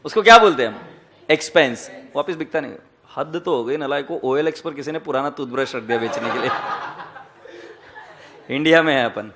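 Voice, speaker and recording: A man's voice: medium pitch, lively intonation, brisk, sharp tone. A man lecturing a class on accounting, teasing the students, asking them questions and mixing Hindi with English.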